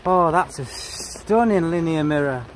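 Man, higher-pitched voice, casual encouraging vlog chat, outdoors, faint background noise. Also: expressive, a little slow. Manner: encouraging, often congratulating others. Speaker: angler filming a fishing competition. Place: outdoors beside a fishing lake.

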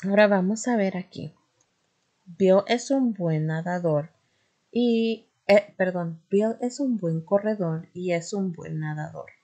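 Slow, low-voiced teacher woman. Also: mellow. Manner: patient, self-correcting, frequent "este" fillers. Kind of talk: classroom grammar lesson.

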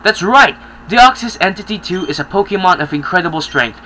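A man's voice: sits high, expressive, brisk, pushed and bright, slight background noise, poor audio. A man voicing a scheming villainous woman from a video game, with a witchy cackle in her voice. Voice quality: witchy laugh.

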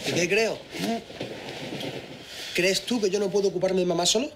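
A man's voice: high-pitched, normal speed, slight background noise, natural voice. An actor in his twenties from a naturalistic TV drama, playing a defensive, earnest younger son with a Spanish accent from Spain. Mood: indignant, defiant. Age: 20s.

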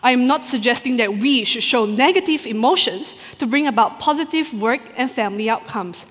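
A woman doctoral researcher giving a rehearsed competition talk to a live audience in a large hall, expressive and full of rhetorical questions. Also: on the high side, a little fast. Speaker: doctoral researcher presenting her thesis. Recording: long hall reverb.

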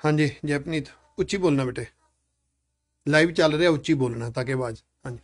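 A man's voice: a little high, fairly quick. A man leading a live classroom discussion with children, asking many questions and urging them to speak up.

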